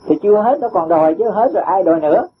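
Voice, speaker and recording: Speaking in a high, animated voice at a quick pace, a male Buddhist teacher patiently explains the dharma to a disciple through homely examples, laughing softly often. Faint hiss runs under the dull, lo-fi recording.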